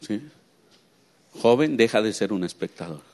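A man preaching a sermon, swinging between quiet low asides and high excited emphasis and often asking his listeners questions. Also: measured pace. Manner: asks the congregation rhetorical questions.

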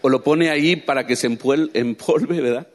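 Spanish-speaking preacher, lively and questioning. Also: male voice, normal speed. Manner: lively, swings from soft low asides to high excited emphasis; asks the congregation rhetorical questions. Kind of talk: sermon.

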